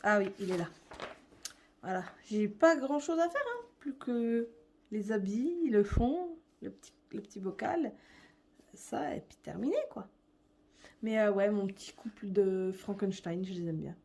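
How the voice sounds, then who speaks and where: A woman's voice: mid-range voice, animated, a little slow, darkish tone. A young woman vlogger chatting casually and a bit hesitantly as she shows her coloring books, with many fillers.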